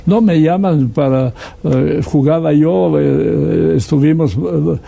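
An older man from Serbia being interviewed, speaking halting Spanish with many fillers and restarts. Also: fairly high pitch, creaky, dark tone, husky. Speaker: interview guest. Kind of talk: conversational interview.

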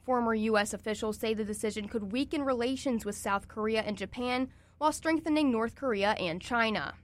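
Young female campus radio anchor, bright-pitched and even. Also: a little fast. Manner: steady, even newsreading. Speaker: college radio news anchor. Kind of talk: read news bulletin.

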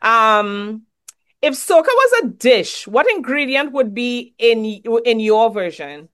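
A woman's voice: a little high, very animated, slow, fairly bright tone. A woman from Trinidad hosting a casual interview, asking friendly conversational questions. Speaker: interviewer host.

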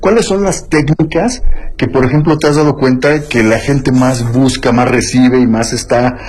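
Husky male interviewer. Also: mid-range voice, steady tone, normal speed, darkish tone. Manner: prompting, finishes the guest's sentences. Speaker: interviewer host. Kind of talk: conversational interview.

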